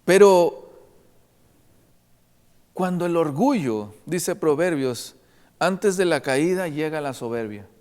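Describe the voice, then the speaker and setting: High-voiced preacher in an echoing church. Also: male voice, animated, slow pace, long pauses, a little mellow. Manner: earnest preaching, repeatedly addressing the congregation as brothers. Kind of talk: sermon. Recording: long reverb of a church hall.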